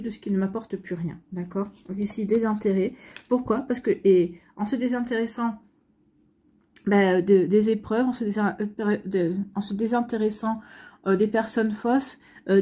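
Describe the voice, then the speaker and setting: Female card reader, soft-edged husky tone, gentle and reassuring guide. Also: mid-range voice. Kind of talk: intuitive card reading addressed to the viewer.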